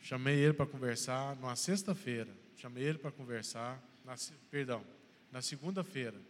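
A man's voice: mid-range voice, moderate pace, long reverb tail, a little hiss or hum. A Brazilian man with a Brazilian Portuguese accent giving a church testimony, telling his story and acting out dialogue before urging the congregation on. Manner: storytelling, acts out phone dialogue, preacherly exhortation.

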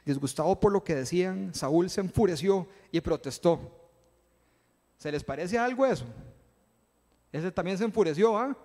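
A man's voice: high-pitched, expressive, moderate pace, pauses often, darkish tone, big-room sound. A man giving a casual, conversational sermon in a church, acting out Bible figures in slang. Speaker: preacher. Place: church hall.

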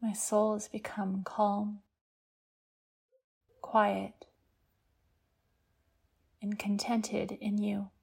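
Woman, guided meditation, sleep story narration, soft breathy near-whisper, mellow tone, creaky edges, gentle and unhurried. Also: mid-range voice, completely flat delivery. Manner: hushed, gentle, unhurried delivery with long pauses.

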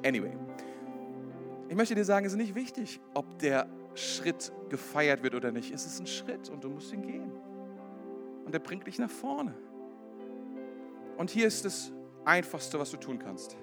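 High-voiced preaching man over music. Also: sing-song, normal speed, long pauses. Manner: impassioned, swinging from loud exclamations to quiet earnest appeals. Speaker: pastor. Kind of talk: sermon. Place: church hall before a congregation. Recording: with background music.

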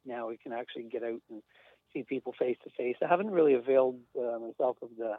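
This fast-talking man has a medium-pitched voice and is a guest from industry sales. His casual conversation meanders with filler words and light laughter, and the dry recording has a tinny, phone-line quality.

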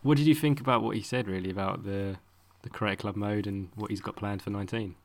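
Podcast host: male, Essex accent, low-pitched voice, informal interview chat. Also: fairly even intonation, fast. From Essex, England.

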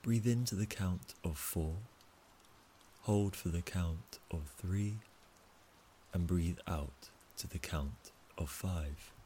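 Slow, deep-voiced man guiding breathing. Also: a little hiss or hum. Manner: calm, soft, counting out breaths. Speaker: relaxation guide. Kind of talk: guided breathing meditation.

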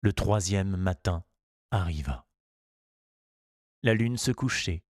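A man reading a children's storybook aloud in a calm, measured and gently expressive way. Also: fairly low pitch, no room sound, studio quality. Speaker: audiobook narrator. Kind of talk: scripted storybook narration.

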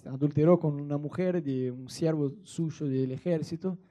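A man's voice: fairly high pitch, moderate pace, dark tone. A man with an Argentine accent preaching a sermon in a playful, colloquial way, mixing jokes into his teaching. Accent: Argentine Spanish.

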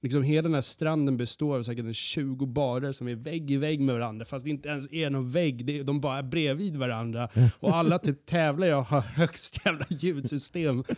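A man's voice: mid-range voice, hardly any pauses, dry recording. Man telling a story, dry close mic. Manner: animated, laughs often, swears freely. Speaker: podcast host telling a story. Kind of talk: casual storytelling chat.

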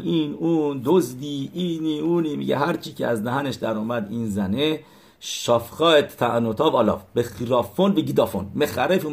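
A storyteller with a gravelly, medium-pitched voice retells religious stories haltingly, full of fillers and restarts, raising his voice for the quoted lines.

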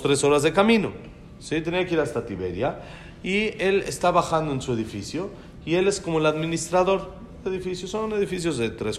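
A man telling a story to a class, animated and acting out the dialogue. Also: on the high side, slight background noise.

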